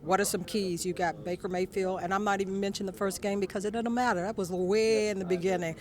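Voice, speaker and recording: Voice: mid-range voice, fairly even intonation, quick pace. A sports reporter asking interview questions in a locker room.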